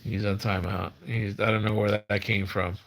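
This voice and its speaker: A man's voice: lowish voice, little pitch movement, gravelly, slight background noise. Guy in his 50s rambling on a livestream, kinda slurred and mumbly like his tongue's numb, repeats himself. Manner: halting, repeats words, street-casual phrasing. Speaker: live stream host. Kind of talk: casual rambling live-stream chat.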